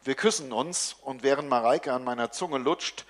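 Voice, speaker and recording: A man reading a comic first-person story aloud in a dry, deadpan manner. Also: mid-range voice, moderate pace.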